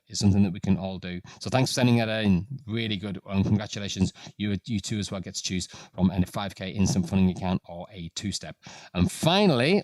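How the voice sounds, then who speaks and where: A man's voice: darkish tone, dry recording. A middle-aged man hosting a live trading stream, commenting casually and reading viewer stories aloud. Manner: reads dramatic passages with rising pitch and force, then comments plainly.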